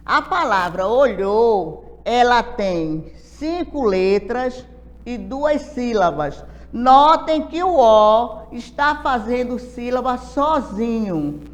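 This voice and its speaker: A woman teacher from Brazil gives a patient adult literacy lesson at a very unhurried pace, pausing to ask if her students follow. Her voice sits a little high, and a long reverb trails behind every word. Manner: patient, explains step by step with check-in questions.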